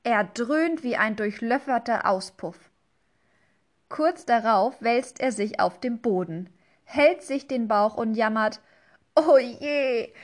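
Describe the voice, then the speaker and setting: Slow storytelling woman. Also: on the high side. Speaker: teacher reading a story aloud. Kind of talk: children's storybook reading.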